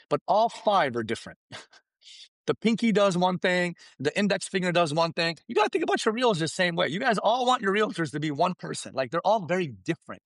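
A male guest expert whose first language is Farsi gives an energetic business coaching talk, emphatic and animated, constantly asking "right?" and "you understand?" to check in with listeners. His pitch swings widely as he drives points home, and the sound is dry and close with no echo.

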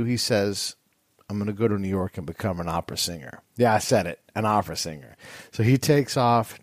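A man's voice: mid-range voice, a little mellow, no echo, studio quality. A man filling in as host, reading a scripted podcast introduction in an upbeat announcer manner.

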